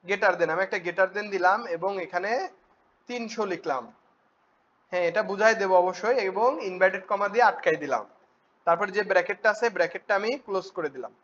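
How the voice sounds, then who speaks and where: High-voiced man teaching spreadsheet formulas. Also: fairly bright tone. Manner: asks the class quick check questions. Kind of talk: spreadsheet tutorial. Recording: dull lo-fi recording with faint noise.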